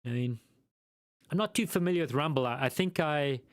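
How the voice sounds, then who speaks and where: A South African man with a fairly high voice and a South African accent chats briskly with viewers on a casual live stream, reading their comments aloud. He rambles, puts himself down, and fills his talk with ums and restarts. The recording is clean studio sound with no room echo.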